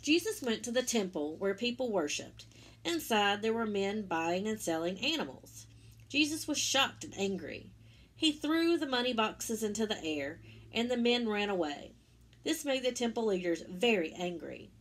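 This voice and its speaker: Here a woman plays a story-time teacher, reading a children's religious picture book aloud and stopping for plain asides that explain things to young listeners. Her medium-pitched voice is very animated.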